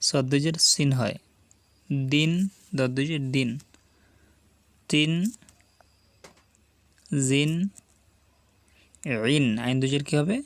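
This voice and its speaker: A man with a Bangladeshi Bengali accent teaching Quran reading. He spells out syllables slowly and deliberately, and asks the viewers to repeat after him. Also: a little high, fairly even intonation, a bit bright, dry recording. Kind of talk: slow spelled-out recitation lesson.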